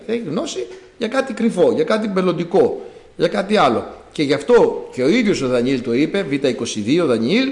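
A man preaching a sermon, retelling a Bible story in an animated way and acting out the characters' words. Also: a little high. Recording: echoey room.

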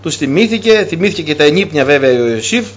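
A man preaching to his congregation in an emphatic sermon style. He stresses his points by repeating key phrases. His voice sits high for a man. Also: animated, highs cut off.

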